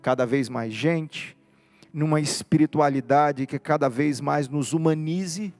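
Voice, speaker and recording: A man's voice: a little high, measured pace, darkish tone, soft background music. A man preaching a sermon, impassioned, driving his points home in repeated emphatic lists.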